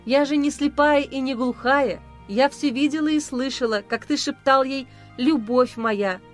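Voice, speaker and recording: A woman's voice: on the high side, expressive, unhurried, soft background music. A woman reading aloud, voicing a hurt young mother who speaks to her husband coolly and firmly. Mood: sorrowful. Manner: cool, firm, sorrowful.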